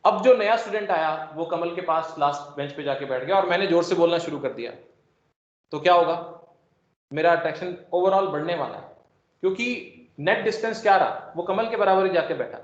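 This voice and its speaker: A man gives a chemistry lecture to students in class, mixing jokes with explanations built on ordinary classroom analogies. His voice sits high and his delivery is brisk. The recording is echoey, dull and lo-fi.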